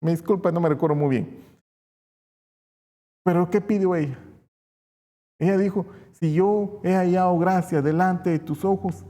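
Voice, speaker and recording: High-voiced Guatemalan preacher man. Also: mellow. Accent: Guatemalan Spanish. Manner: explanatory, asks and answers his own rhetorical questions. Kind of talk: sermon. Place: church. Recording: long reverb of a church hall.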